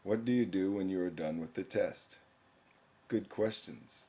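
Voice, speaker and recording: Unhurried and warm, a young man with a deep voice guides viewers through an online course in a screencast. As a teacher, he explains every page and reads the questions out loud.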